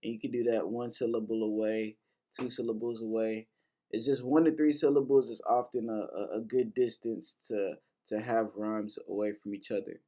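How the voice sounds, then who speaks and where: Relaxed man casually explaining rap lyrics. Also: lowish voice, normal speed. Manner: loose and informal, many fillers and restarts, casual swearing. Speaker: host breaking down rap lyrics.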